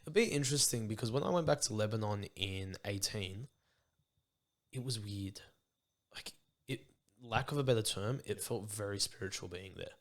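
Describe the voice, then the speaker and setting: A young Australian man hosts a podcast in a fairly low voice with lively intonation and a moderate pace. In this casual chat he comes across laid-back and earnest, calling his guest bro and mate.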